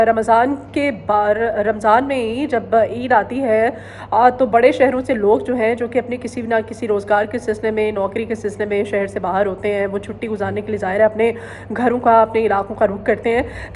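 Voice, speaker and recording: Female news commentator from Pakistan, pitched a little high, earnest, hesitant fillers, repeats phrases for emphasis, faint noise underneath. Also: darkish tone. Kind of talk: current-affairs news commentary.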